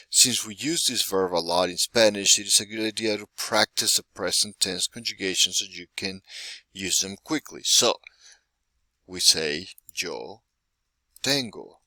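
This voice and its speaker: A man's voice: lowish voice, pushed and bright, dry recording. A man in his forties teaching a Spanish lesson, patient and often checking in with "right?". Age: 40s. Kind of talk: recorded classroom lesson.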